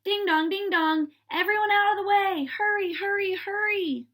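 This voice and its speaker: A woman voicing excitable, urgent firemen from a children's storybook, exclaiming her orders. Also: very high-pitched, moderate pace, voice pushed up. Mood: urgent alarm.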